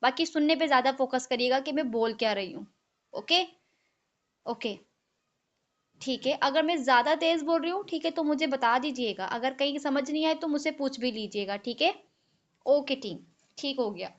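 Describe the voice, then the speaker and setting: A woman leading an online team training, mixing English into her talk and filling pauses with a steady refrain of okay. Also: high-pitched, muffled recording. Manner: mixes English and Hindi, fills with "ठीक है"; slows down to spell out key terms. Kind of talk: live online training session. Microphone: video call.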